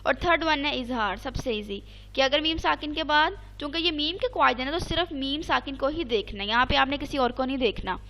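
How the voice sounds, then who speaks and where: High-voiced woman teaching Quran recitation. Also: bright, forceful tone. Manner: patient, repeats rules and checks understanding; chants Arabic examples slowly. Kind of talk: online tajweed lesson.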